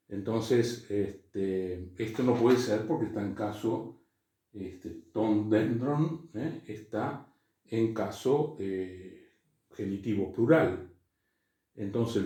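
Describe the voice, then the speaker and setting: A man teaching a Greek class, speaking slowly and haltingly with many fillers and checks for understanding. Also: fairly low pitch, mellow. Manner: slow, halting, full of fillers and checks like "¿eh?" and "¿ven?". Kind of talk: classroom lecture. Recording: very echoey classroom.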